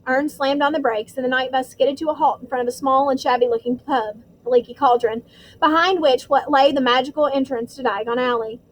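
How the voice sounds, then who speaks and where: Woman reading an audiobook, high voice, steady storytelling, faint hiss. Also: brisk, rough recording. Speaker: audiobook reader. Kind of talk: audiobook narration.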